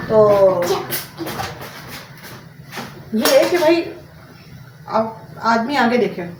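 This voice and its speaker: A woman talks on in a loose, rambling home-vlog chat, dropping English words into her speech as she cooks. Her voice sits a little high. The mic is far from her in a reverberant room, with clear household noise behind her. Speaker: home vlogger. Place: home, cooking in the kitchen. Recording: roomy, distant mic with noisy background.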